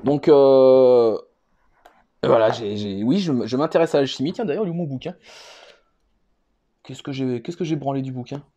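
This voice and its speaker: In dull audio, a man with a mellow, mid-range voice presents his card collection as a vlogger, speaking at a moderate pace with long pauses. His casual, unscripted show-and-tell is hesitant and rambling, and he often repeats himself.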